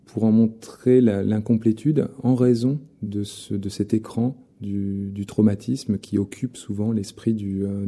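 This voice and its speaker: A man answers an interview question in a halting, analytical way, repeating words and filling pauses. His voice is low and gravelly with a dark, mellow tone. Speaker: interview guest, literary scholar.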